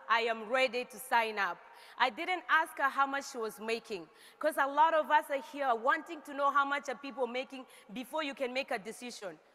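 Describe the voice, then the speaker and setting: A woman from South Sudan reading an emotional, grateful success speech on a large stage, sometimes rising to shouts. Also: sits high. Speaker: stage speaker at a company event. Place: large stage with reverberant hall. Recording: long hall reverb from stage.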